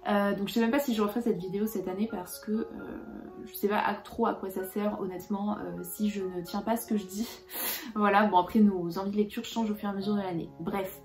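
A woman's voice: mid-range voice, steady tone, a little fast, darkish tone, echoey room, faint music behind. A young woman talking casually about books she read, hesitating often with fillers and restarts. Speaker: book vlogger. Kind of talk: casual book review.

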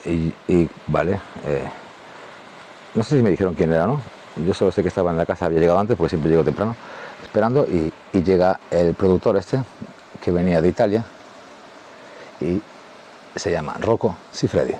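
A man's voice: low voice, brisk, long pauses, dark tone, a little hiss or hum. A man from Spain, an adult film actor, telling anecdotes casually to the camera, rambling with many restarts and fillers, and acting out quoted lines in a raised voice. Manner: acts out quoted dialogue in a raised voice.

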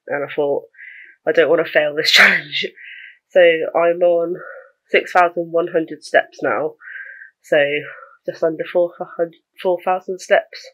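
A woman's voice: on the low side, rough recording. A young woman vlogging in a casual, rambling way, chatting to the camera about her day with small laughs.

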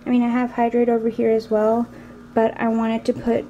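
A young woman chats through her latest craft and planner finds in a relaxed home vlog. Her voice sits a little high with a soft, mellow tone, and she talks with gushing, filler-heavy enthusiasm. A faint hiss sits under the camera-mic recording. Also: moderate pace, dull audio. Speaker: beauty and planner vlogger. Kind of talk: casual show-and-tell vlog. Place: at home indoors.

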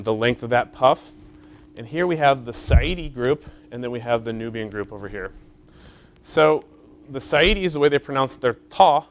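Man lecturer, engaging, checks in with the audience; slight background hum. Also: mid-range voice. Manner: explains step by step, checks in with "right?" and "okay?"; frequent fillers, engages the audience. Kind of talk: academic conference talk.

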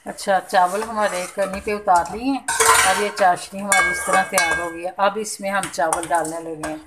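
A woman's voice: mid-range voice, fairly even intonation, normal speed, very noisy. Homely woman cooking in echoey kitchen. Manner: homely, explains step by step with religious blessings. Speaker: cooking channel host. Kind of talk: home cooking demonstration. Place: home kitchen. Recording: echoey kitchen, faint clatter. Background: clinking pots and utensils.

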